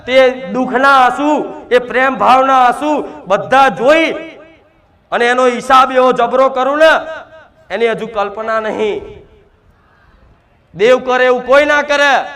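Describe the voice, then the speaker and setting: A man's voice: extremely high pitch, sharp tone. A man, giving a devotional sermon in the first person as the goddess, emphatic and full of repeated rhetorical questions.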